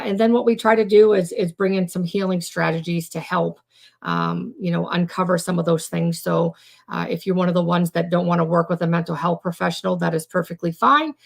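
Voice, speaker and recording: A trauma coach hosts her weekly live show, teaching informally on a casual stream in a low, hoarse, gravelly, raspy voice. She rambles, restarting often and filling gaps with ums, and sounds worn out from days of recording.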